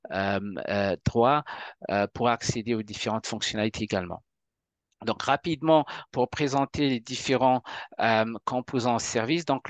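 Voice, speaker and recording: A professor giving a conference presentation, speaking hesitantly with many fillers and restarts. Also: male voice, mid-range voice, no echo. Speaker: professor presenting a research platform.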